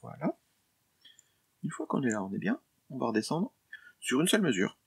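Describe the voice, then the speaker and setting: A man with a French accent, a composer talking casually through his music software at home, with lots of fillers and self-corrections. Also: mid-range voice, big pitch swings, normal speed, gravelly, breathy edge, dry recording, clean studio sound. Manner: chatty and explanatory, with frequent fillers and self-corrections; addresses the viewer informally, jokes lightly. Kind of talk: casual screen-share tutorial vlog. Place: home, during lockdown.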